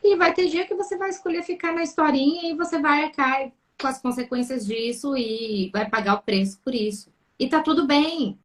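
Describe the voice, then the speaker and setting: A woman's voice: sits high, moderate pace, hardly any pauses. A woman, a therapist co-hosting a live Q&A, who talks things through with a string of probing, reflective questions. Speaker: therapist co-host. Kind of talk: live Q&A chat.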